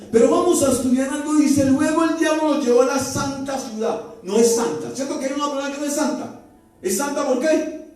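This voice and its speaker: A man's voice: very high-pitched, darkish tone. A man preaching a sermon as pastor, talking conversationally and throwing rhetorical questions at his congregation. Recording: very echoey church hall from far off, faint music.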